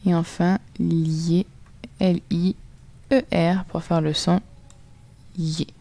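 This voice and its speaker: A woman with a French accent teaching a recorded phonics lesson to children, spelling sounds out slowly and clearly letter by letter. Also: fairly low pitch, level tone, warm tone.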